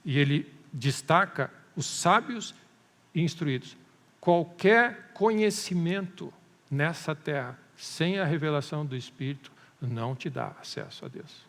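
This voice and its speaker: Preaching a sermon in a church hall, this Brazilian-accented pastor has a slightly high, fairly bright, creaky voice that stays very animated at a moderate speed. Key words get stretched as he climbs toward emphatic rises, all wrapped in long reverb from the hall.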